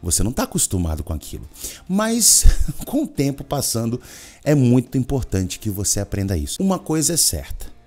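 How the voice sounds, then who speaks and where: Lively Brazilian man teaching English. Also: mid-range voice, a little fast, soft background music. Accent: Brazilian Portuguese. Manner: animated, drills words by repeating them. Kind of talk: energetic video lesson.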